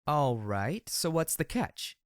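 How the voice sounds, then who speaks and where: A man reading an audiobook, voicing a blunt, scrappy young mare who talks in a halting, questioning, informal way. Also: on the high side, very animated, smooth, no room sound, studio quality, voice pushed up. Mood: curious, blunt.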